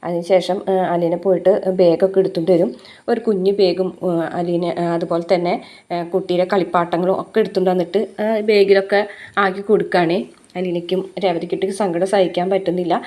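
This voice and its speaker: Low-voiced woman retelling a story. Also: little pitch movement, brisk, dark tone. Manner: chatty retelling with frequent "uh" fillers. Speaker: serial recap presenter. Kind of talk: casual story recap.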